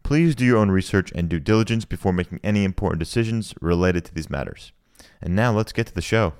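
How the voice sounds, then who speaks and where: A man's voice: low-pitched, animated, quick pace, heavy background noise. A man hosting a podcast, introducing the show and interviewing a guest in an upbeat, conversational way. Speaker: podcast host.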